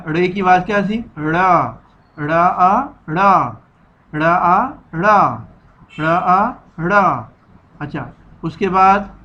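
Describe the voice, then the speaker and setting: With a Pakistani Urdu accent and a high, fairly bright voice, a man teaches children the alphabet. He patiently repeats each sound slowly for them to echo back, drill-style, and the audio is dull.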